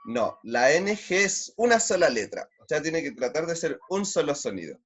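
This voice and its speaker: A man's voice: fairly high pitch, big pitch swings, normal speed, fairly bright tone, slightly rough. A man with a Chilean accent teaching a beginner language class online, patiently drilling sounds and repeating syllables. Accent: Chilean Spanish.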